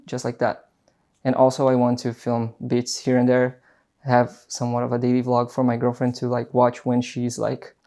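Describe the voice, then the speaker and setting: A young Brazilian man whose first language is Portuguese rambles casually to camera in an unscripted vlog, his accented English full of fillers and restarts. His voice is medium-pitched and mellow.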